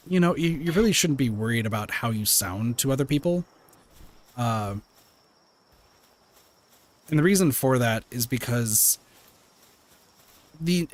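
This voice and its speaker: Streaming a game, this man talks easily with his viewers in a soothing, mid-range voice. His talk wanders, packed with filler words and false starts, with an occasional mild curse slipping in.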